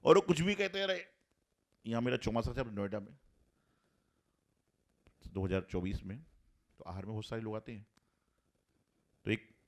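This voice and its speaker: Jain monk giving a lively sermon. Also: male voice. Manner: storytelling, acts out quoted lines with rising pitch and force; repeats key phrases for emphasis.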